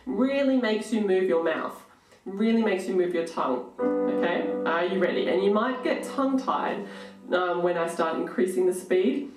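A woman singing coach presents a lesson to camera from a small room with noticeable echo. She sounds a little distant from the microphone and speaks at a middle pitch. Her manner is encouraging and instructional, with faint keyboard music at times. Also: darkish tone. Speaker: singing coach, host of an online tutorial show. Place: small home room, indoors. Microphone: microphone on boom stand, close in front. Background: electronic keyboard notes at times.

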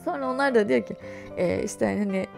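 A young adult woman YouTuber tells a personal story in a casual vlog, chatting and laughing in an animated way. Her voice is medium-pitched, brisk and creaky, with faint music in the background.

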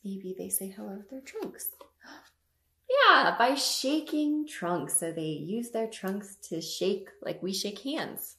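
A woman's voice: mid-range voice, animated, a little slow, few pauses, pushed and bright. A young woman reading picture books to toddlers as a storytime host, asking simple questions with exaggerated emphasis. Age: young adult. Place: small room at home, indoors. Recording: roomy home webcam sound.

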